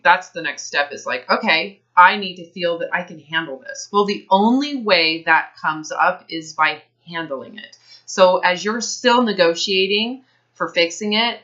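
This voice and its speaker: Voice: medium pitch, bright, forceful tone, highs cut off. A health coach talking directly and encouragingly in a one-on-one session. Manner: direct, encouraging, quick bursts.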